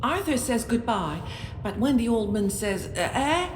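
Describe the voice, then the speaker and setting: A woman narrating a medieval role-playing game in a measured storybook manner, sometimes dropping to a hush. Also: fairly high pitch, expressive. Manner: measured, with occasional hushed whispers. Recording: roomy echo, faint noise.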